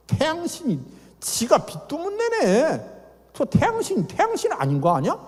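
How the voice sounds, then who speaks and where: A man, an Old Testament professor, giving a lively, colloquial Bible lecture at a church, dramatizing the stories as he goes. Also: high-pitched. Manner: dramatic storytelling, acts out characters, colloquial. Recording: echoey church hall.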